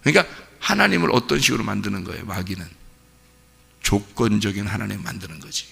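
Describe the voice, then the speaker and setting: A male pastor delivering an earnest, conversational sermon in a church sanctuary and putting questions to the congregation. His voice is strongly gravelly, with a forceful, bright edge. A long hall reverb follows every phrase. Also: on the low side, animated, brisk.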